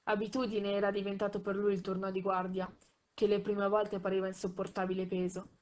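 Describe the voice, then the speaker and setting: Una donna che legge un romanzo ad alta voce con tono misurato, correggendo ogni tanto qualche piccolo inciampo. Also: female voice, mid-range voice, little pitch movement, darkish tone. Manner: measured, with small slips and self-corrections. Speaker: audiobook reader. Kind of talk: reading a novel aloud.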